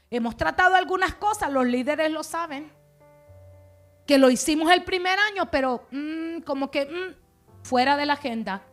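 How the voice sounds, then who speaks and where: A woman's voice: sits high, a bit bright. A woman pastor preaching a sermon in a conversational, coaxing way, often checking in with her listeners. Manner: conversational, coaxing, frequent "verdad" and "amados".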